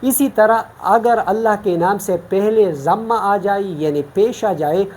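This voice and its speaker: A woman's voice: mid-range voice, darkish tone, breathy edge. A woman from Pakistan teaching Quran recitation in an online lesson, explaining each rule patiently, step by step.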